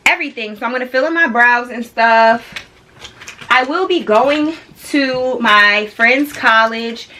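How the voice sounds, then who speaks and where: A young woman of twenty-one chatting excitedly and casually as she does her makeup for a vlog, full of slang. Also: a little high, a little hiss or hum. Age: young adult. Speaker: beauty vlogger. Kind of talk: casual get-ready-with-me chat. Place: home studio room.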